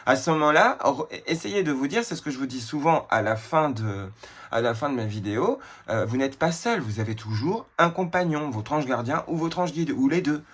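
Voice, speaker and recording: A man's voice: a little high, expressive, moderate pace, fairly bright tone. Hesitant man confiding in a vlog. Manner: hesitant, full of filler sounds and restarts; confiding, emotional storytelling. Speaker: tarot card reader. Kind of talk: casual spiritual vlog talk.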